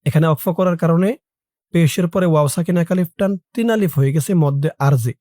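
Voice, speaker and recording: A Quran reading teacher giving a lesson, sounding out each syllable and rule, then reciting the verse slowly in a slightly higher voice. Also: dark tone, no room sound, studio quality. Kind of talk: Quran reading lesson, spelling out letters and vowels.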